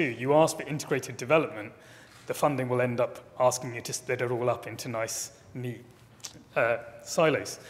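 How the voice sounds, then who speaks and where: A man's voice: mid-range voice, darkish tone. A middle-aged man, a keynote speaker, answering audience questions thoughtfully at a lectern, often repeating words as he builds a point. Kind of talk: conference Q&A answers. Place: large conference hall, at a lectern. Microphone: lectern microphone. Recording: long reverb of a hall.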